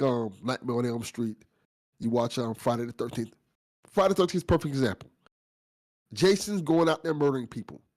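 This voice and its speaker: A man with a medium-pitched, slightly mellow voice hosts a relaxed after-show for a fiction podcast. He heaps on praise in an effusive, informal way, with a bit of light swearing.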